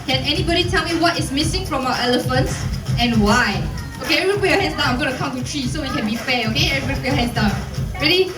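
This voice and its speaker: A woman's voice: high-pitched, animated, racing. Cheery singaporean lady zookeeper doing a playful animal show talk, far off mic, music behind her. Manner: cheery, playful, coaxing the audience. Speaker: zookeeper presenting a keeper talk. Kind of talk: live educational show presentation to an audience. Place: open-air covered viewing stand at zoo. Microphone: handheld PA mic, filmed from audience. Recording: echoey PA speakers, recorded from afar, music behind.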